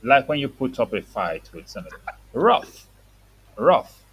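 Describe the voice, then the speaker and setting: A woman's voice: very deep voice, expressive, fast, slight background noise. A woman teaching reading to a young child, saying words for the child to repeat and explaining them simply.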